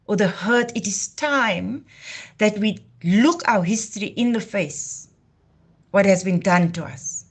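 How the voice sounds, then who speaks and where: Her voice sits at medium pitch, slightly rough, and her delivery is slow. She's a Namibian livestream host, a native Afrikaans speaker, giving a passionate heritage talk with a declamatory flair.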